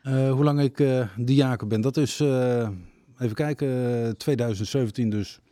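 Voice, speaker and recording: A man's voice: medium pitch, normal speed, mellow, no echo. A man in his fifties from Groningen, a deacon, answering radio interview questions hesitantly with many fillers. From Netherlands, Groningen. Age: 50s.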